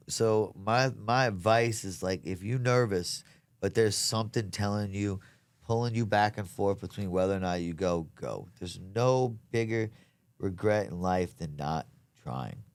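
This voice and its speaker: Guy w a lowish voice, chatting casual n earnest, lots of man and bro, close dry sound. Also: clear, resonant tone, dry recording. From south Louisiana, United States. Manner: earnest, emphatic, slangy, peppers talk with "man" and "bro". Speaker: comedian being interviewed. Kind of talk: casual chat.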